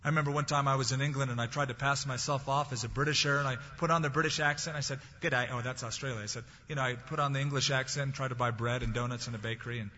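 A man's voice: medium pitch, fairly even intonation, rapid-fire, few pauses, sharp tone. A male pastor preaching a sermon in a conversational way, quoting scripture and telling light anecdotes. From California. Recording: dull recording in a large reverberant hall.

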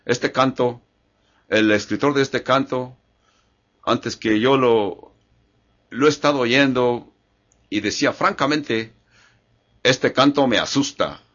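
Older male preacher, earnest sermon, mid-pitched voice, muffled lo-fi recording. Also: slow pace, pauses often, fairly bright tone. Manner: earnest, repetitive phrasing with restarts.

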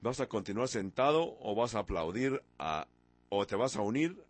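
A very animated man in his sixties preaches at a moderate pace in a fairly low voice, throwing out rhetorical questions and giving certain words sudden force. His homeland is a foreign country that was once under imperial rule.

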